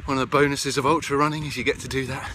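A British man in his thirties giving a casual video diary outdoors, talking loudly over the wind into a handheld phone while on the move. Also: mid-range voice, level tone, racing. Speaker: ultra runner vlogging a race. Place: outdoors on open coastal path. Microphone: phone at arm's length.

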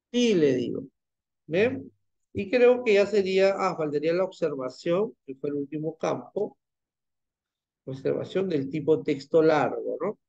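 Male instructor, patient, fairly high voice, dull online-class audio. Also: darkish tone. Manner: patient, checks in with "¿ya?" and "¿ven?". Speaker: teacher. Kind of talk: live online class, screen-share demo.

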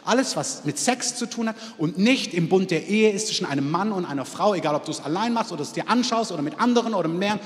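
A man's voice: sits high, expressive, fast, few pauses. A man preaching a sermon as pastor, with emphatic lines and a repeated "Amen". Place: church hall. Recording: long hall reverb.

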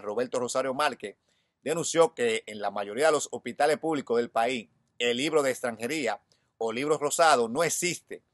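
Dominican news host, thirties, reads headlines and then gives his opinion; mid pitch, dry close-mic sound. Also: a bit bright, dry recording. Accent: Dominican Spanish. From Dominican Republic. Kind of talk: reading and commenting on news. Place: outdoors in front of a hedge.

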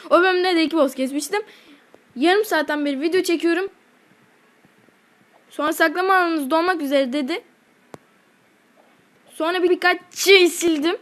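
High-voiced woman narrating her gameplay. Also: normal speed, pauses often. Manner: heated, swears at enemies while playing. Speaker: gaming channel host. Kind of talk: gameplay commentary.

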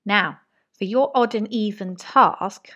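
A woman teaching a maths lesson to young children, talking slowly and encouragingly in a sing-song way. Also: medium pitch, fairly bright tone, dull audio. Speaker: reception teacher.

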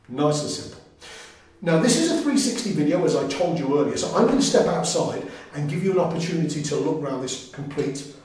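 A middle-aged man gives a lively sales walkthrough of a bathroom he has fitted, ticking off items one after another. His voice sits a little high but sounds mellow, and it rings loudly off the hard tiled walls. He is some way from the camera. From England. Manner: enthusiastic, lists items quickly, points things out. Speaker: bathroom fitter showing a finished job. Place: small tiled bathroom, indoors. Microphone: 360 camera in the middle of the room. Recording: very echoey small tiled room, voice from a distance.

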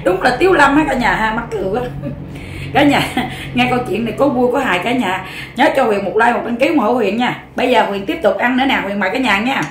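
A woman's voice: a little high, a little fast, echoey room, a little hiss or hum. Giggly Southern Vietnamese woman telling jokes. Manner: chatty, giggly, many fillers. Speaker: mukbang vlogger. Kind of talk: casual joke-telling to viewers.

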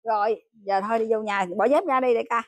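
Chatty Southern Vietnamese mother, high and quick. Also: no room sound. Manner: chatty, keeps addressing viewers as family. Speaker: vlogger mother. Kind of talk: casual vlog narration to viewers. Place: riding a motorbike on a dark country road at night. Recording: noisy outdoor road recording.

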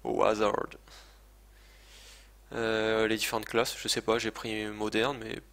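A man's voice: fairly low pitch, monotone, slow pace, a bit bright. Chatty, self-mocking male game streamer. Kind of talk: casual live gameplay commentary. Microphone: desk microphone, speakers playing game sound.

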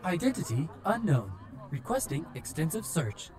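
A man's voice: a little high, sing-song, normal speed, voice pushed up. A man voicing a polite, formal android gate guard with stiff, robotic phrasing in an audiobook. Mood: mechanical. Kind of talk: audiobook character voice.

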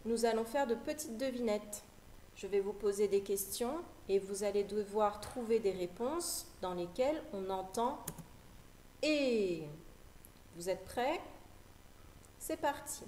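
Woman teacher, phonics lesson for small kids, very slow careful delivery, each word repeated, echoey room, faint background hum. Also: mid-range voice, expressive, mellow. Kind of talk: phonics lesson for young children.

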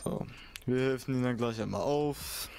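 A man's voice: mid-range voice, moderate pace, vocal fry, a little mellow, smooth. A man playing a police officer in game role-play, speaking formally and firmly. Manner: formal, firm, procedural. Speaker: player acting as police officer. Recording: game voice chat with faint noise.

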